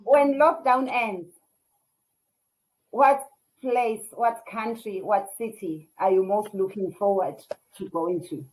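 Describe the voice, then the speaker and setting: A woman's voice: medium pitch, slow pace, a little mellow, poor audio. A South African woman from KwaZulu-Natal hosting a casual interview, chatty and reading out viewer comments. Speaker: host.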